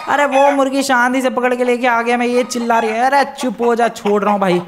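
A man giving excited gameplay commentary, exclaiming and repeating words as he plays. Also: extremely high pitch. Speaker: gaming YouTuber.

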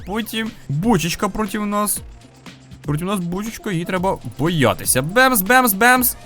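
Lively high-voiced man commentating gameplay. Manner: playful and upbeat, with frequent sound-effect interjections. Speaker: gaming video host.

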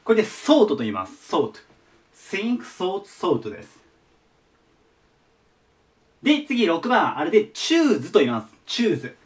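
A man's voice: high-pitched, huge pitch swings, slow pace, pauses often, recorded from a distance. A man teaching English verbs to students, patiently repeating each word form. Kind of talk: explaining English vocabulary to students.

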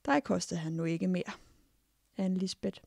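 A woman's voice: fairly low pitch, vocal fry, a little mellow, dry recording, studio quality. A woman voicing a blunt, gossiping village wife. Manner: outspoken, matter-of-fact. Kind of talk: audiobook character voice.

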